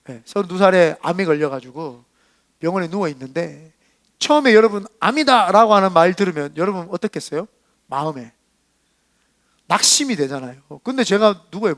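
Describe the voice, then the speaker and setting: A middle-aged man from South Korea preaching a sermon as pastor, telling a personal story and acting out the dialogue with swings in loudness. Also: high voice, no room sound. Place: church.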